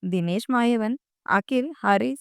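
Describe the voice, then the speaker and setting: A woman narrating an audio novel in a steady storytelling manner. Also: medium pitch, slow pace, gravelly, smooth, dry recording, clean studio sound. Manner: steady storytelling, voicing every character.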